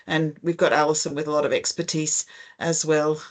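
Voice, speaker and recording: A woman's voice: sits low, level tone, normal speed. A woman hosting and chairing an online video call conversation, friendly and wordy with frequent ums. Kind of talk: casual online meeting chat.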